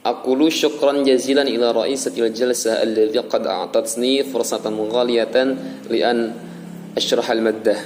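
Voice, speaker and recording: A man's voice: medium pitch, a little mellow, a little hiss or hum. Man student presenting in a reverberant room. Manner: explanatory, conversational asides. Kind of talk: class presentation.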